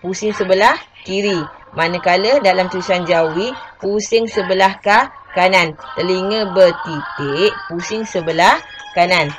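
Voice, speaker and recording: A woman's voice: lowish voice, a little slow, low-quality recording. A woman teacher with a Malaysian Malay accent giving an online classroom lesson, patiently repeating key points and asking her pupils questions. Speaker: religious schoolteacher.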